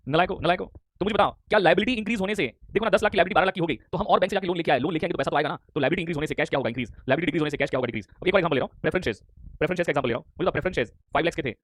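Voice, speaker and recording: Playful guy teacher rattling off questions super fast, dry close sound. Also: on the high side, no echo. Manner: playful, teasing students, reading chat replies aloud; repeats questions rapidly, pressing for answers. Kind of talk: live online commerce lecture in Hinglish. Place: online class.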